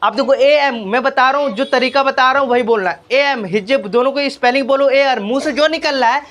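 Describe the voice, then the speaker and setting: This tuition teacher's voice is very high, fairly bright and a little fast as he teaches a child spoken English reading in a small indoor class. He drills sounds repetitively and patiently, keeps questioning the pupil, and urges him to speak up and make mistakes.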